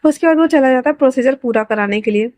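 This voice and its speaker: A woman narrates a homemade love story, her voice sitting a little high. She reads every character's lines in her own voice and raises it when they cry out. The recording is close and dry, with no room sound. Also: fast, a little mellow, no echo. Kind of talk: storytelling narration of fan fiction.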